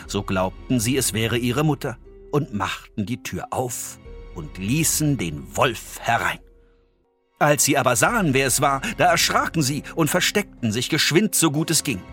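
Male fairy-tale narrator, lively pitch, soft music behind. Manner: expressive storytelling, dropping low and soft at tense moments.

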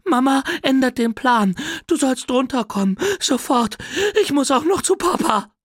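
A man voicing an excitable five-year-old boy, breathless and squealing, in a storybook reading. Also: very high-pitched, measured pace, no echo, studio quality, voice pushed up, exaggerated voice.

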